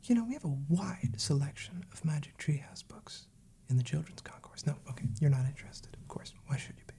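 A man's voice: fairly high pitch, animated, fairly quick, vocal fry, warm tone. A man in his twenties playing a fussy, exasperated, wordy librarian scolding a child in a whispered role-play. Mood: exasperated, dismissive. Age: 20s. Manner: prim, wry, wordy.

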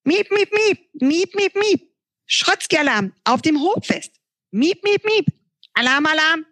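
A woman doing a shrill beeping alarm gadget. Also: animated, slow pace, a bit bright, exaggerated voice.

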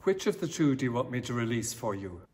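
A man's voice: medium pitch, big pitch swings, quick pace, darkish tone. A middle-aged clergyman reading scripted scripture lines formally, indoors.

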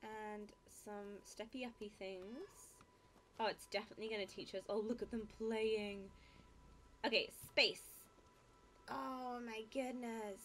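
A woman's voice: on the high side, fairly even intonation, a little slow, a bit bright, a little hiss or hum. Gushing woman gasping at a game. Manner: gushing, gasping and exclaiming with delight. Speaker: gaming video host. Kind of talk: let's play commentary.

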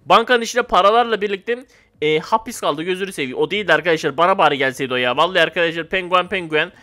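A young man giving casual gameplay commentary, excitable and loud at times, then dropping to a flat mock-calm mumble. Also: high-pitched, racing. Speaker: gamer.

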